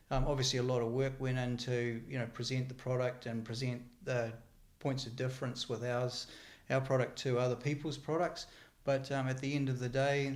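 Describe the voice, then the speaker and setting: A middle-aged man answering interview questions casually, in a halting, hesitant way. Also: mid-range voice. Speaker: company sales engineer interviewee. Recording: roomy echo.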